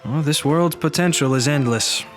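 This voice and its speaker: A man's voice: a little high, normal speed, a bit bright, natural voice. Man as the composed Invisible Man, music behind. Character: calm, analytical Invisible Man, scholarly medic. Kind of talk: radio drama acting.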